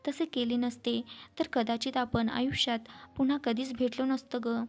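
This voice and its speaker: A woman voicing a gentle middle-aged man who speaks softly and reflectively in a storybook reading. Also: fairly high pitch, little pitch movement, normal speed, natural voice. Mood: tender.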